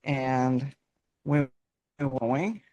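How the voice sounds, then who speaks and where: A woman's voice: very deep voice, very slow, mellow, muffled recording. A woman with a North Carolina Southern accent, presenting informally as a coach and addressing listeners directly in a folksy way. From North Carolina, United States. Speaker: personal development coach, guest presenter.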